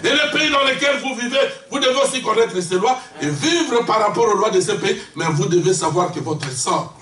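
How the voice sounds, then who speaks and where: Congolese-born male preacher, very high voice, shouting sermon, distant mic in a roomy hall. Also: lively intonation, moderate pace. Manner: impassioned, shouting, call-and-response with the congregation. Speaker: visiting preacher. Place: church hall. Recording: echoey church hall, distant mic, congregation responding. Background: congregation responses.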